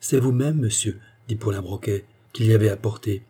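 A man reading a brisk, assured detective. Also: on the low side, dark tone, slightly rough. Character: shrewd, brisk male detective. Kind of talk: audiobook character reading.

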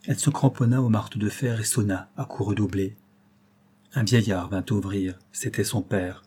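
A man reading a classic tale aloud as an audiobook, in a measured, dramatic manner. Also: on the low side, fairly even intonation, warm tone, husky. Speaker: audiobook reader. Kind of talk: scripted narration of a classic tale.

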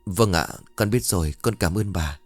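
A man's voice: sits low, moderate pace, no echo, soft background music. A man voicing a humble, grateful young husband who talks deferentially and eagerly.

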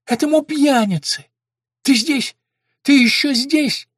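A man's voice: extremely high pitch, very slow, a bit bright, dry recording, studio quality, voice pushed up, heavily acted. A man voicing a deranged mother who has become a noon spirit, whining and screeching her demands. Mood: pleading. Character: deranged mother turned sun spirit, wailing.

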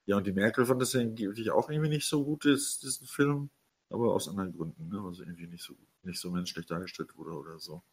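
A man with a low, husky voice talks quickly in a relaxed talk show. He hesitates often and circles through fillers before reaching his point. His rapid pace keeps tumbling forward. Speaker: podcast co-host. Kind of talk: casual chat.

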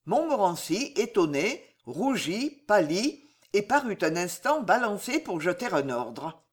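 A woman narrating a historical novel in an audiobook, in a measured, expressive manner. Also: medium pitch.

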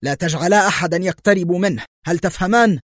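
A man voicing a greedy, nervous male prison boss who wheedles and turns shrill when angered, in a storybook reading. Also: big pitch swings, moderate pace, dry recording, studio quality.

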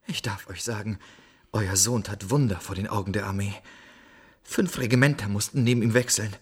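A husky, solemn messenger. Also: male voice, fairly low pitch, moderate pace. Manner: solemn storytelling. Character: stranger bringing grim news, solemn. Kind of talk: classic radio play acting.

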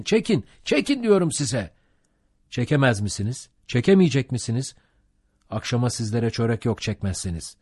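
A jovial boat mate, as a male reader puts him on, coaxes and rallies his oarsmen in a half-preaching patter. His husky voice leaps high and drops low. It is lively and sits close and dry. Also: no echo. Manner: coaxing, preachy, rousing. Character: jovial coaxing boat mate rallying rowers.

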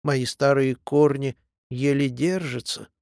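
A man's voice: mid-range voice, steady tone, slow, vocal fry, darkish tone, no room sound, studio quality. A man voicing a tired ancient hill in a storybook, mournful and proud of its past. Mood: wistful. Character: weary ancient hill with frail old roots.

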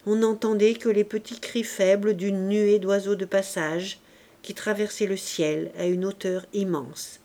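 Slow, measured woman audiobook narrator. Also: mid-range voice. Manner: measured, expressive reading.

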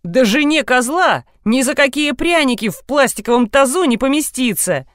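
A jumpy, irritable young man, as a woman narrator puts him on, yelping and grumbling with exasperation. The voice leaps around in pitch. It is recorded dry and close. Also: animated, normal speed, no echo. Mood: exasperated. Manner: shouting, exasperated.

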